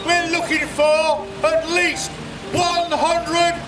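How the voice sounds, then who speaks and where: A man's voice: very high-pitched, little pitch movement, extremely slow. An older man making a town crier's proclamation, calling out in long, projected cries. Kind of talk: town crier proclamation, loud public announcement. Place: outdoors at a building entrance. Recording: distant voice under loud music.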